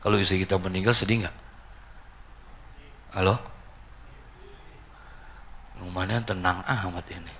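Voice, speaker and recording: An older man giving a humorous mosque sermon, storytelling and acting out characters in high excited voices. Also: unhurried, pauses often, a little hiss or hum. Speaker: preacher.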